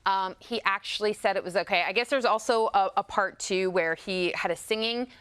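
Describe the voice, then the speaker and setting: A woman's voice: mid-range voice, fairly quick, fairly bright tone, clear, resonant tone, no echo. Chatty morning-show entertainment host, woman.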